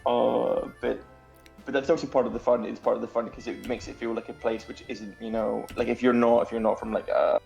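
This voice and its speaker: A man's voice: mid-range voice, flat delivery, fairly quick, creaky, a little mellow, soft background music. A Scottish man, a game developer guest, chatting casually in a rambling way, full of restarts and easy laughter. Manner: rambling, many fillers and restarts, laughs easily. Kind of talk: casual chat.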